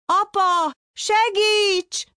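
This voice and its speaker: A woman voicing an eager, stubborn little boy clownfish in a storybook reading, with a squeaky high voice. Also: a bit bright, no room sound, clean studio sound. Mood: panicked.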